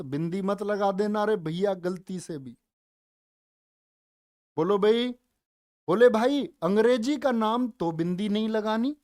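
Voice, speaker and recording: A man's voice: high voice, dry recording, studio quality. A man teaching a live online Hindi exam-prep class, coaxing his students, calling them dear children and brother, and asking questions that he answers himself.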